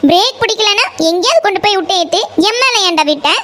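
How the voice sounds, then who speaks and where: A woman voicing a sharp-tongued, hot-tempered young village girl in a cartoon, speaking with a Coimbatore Tamil accent and scolding with a string of insults. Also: very high-pitched, expressive, quick pace. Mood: furious. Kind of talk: cartoon voice acting.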